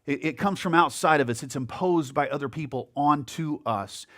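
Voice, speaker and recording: A man's voice: on the high side, moderate pace, a bit bright. A male pastor preaching a conversational sermon in a church, with casual asides to the congregation. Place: church sanctuary. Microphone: handheld or headset mic.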